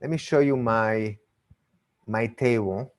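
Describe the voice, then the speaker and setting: Low-pitched and slow, this man's voice carries an accent from both Argentina and Israel, where he grew up. He's a magician and mentalist doing live patter for an online magic show over video call, keeping it chatty and playful despite frequent restarts.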